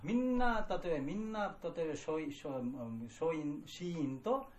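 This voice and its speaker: A man's voice: fairly high pitch, lively intonation, a little mellow, echoey room. Man drilling syllables. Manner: slow drilling of syllables, checking with "wakaru?"; non-native Japanese. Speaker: Sanskrit pronunciation teacher. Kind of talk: pronunciation lesson with chanting.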